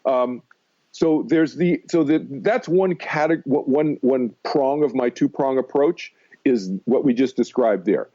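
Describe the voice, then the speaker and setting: This American man in his sixties, a meditation teacher from Massachusetts, takes it slowly at medium pitch with a mellow, dark tone. Guesting on a conversational radio interview, he tells personal stories emphatically and revisits his points; the recording sounds a bit dull and lo-fi.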